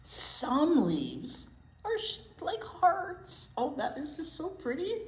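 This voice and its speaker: Reading to young children in a library, this American storytime teacher has a high voice that swoops wildly in pitch and moves slowly. She mixes the picture-book read-aloud with chatty asides and simple questions for her listeners, recorded in an echoey room with a little background noise.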